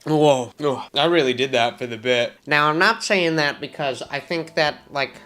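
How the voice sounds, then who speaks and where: A young man in his mid-twenties vlogs to camera in a loose, chatty voice pitched a little high. He pokes fun at himself and drifts into rambling asides. Faint music plays quietly behind him. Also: moderate pace. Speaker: vlogger. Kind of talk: casual vlog talk to camera. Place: outdoors in summer heat, then indoors.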